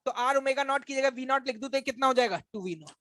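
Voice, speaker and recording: A male physics teacher giving a classroom lecture, constantly quizzing his students with quick questions and teasing them to check they follow. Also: very high voice, sharp tone, no echo. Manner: coaxing, teasing.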